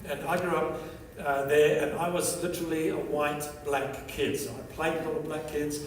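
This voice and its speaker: His voice fairly high and level, at a normal speed, a man in his 60s from Zambia shares testimony at a seminar. Bemba is his first language, and he tells stories conversationally, with frequent restarts and "okay?" check-ins. Background noise and echo fill the recording, taken from a distance in a large seminar hall.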